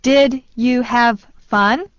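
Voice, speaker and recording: A woman slowly and deliberately repeating short phrases for learners in a language lesson. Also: on the high side, fairly even intonation, dry recording. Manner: very slow, deliberate delivery. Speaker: phrase reader. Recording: dull lo-fi dry sound.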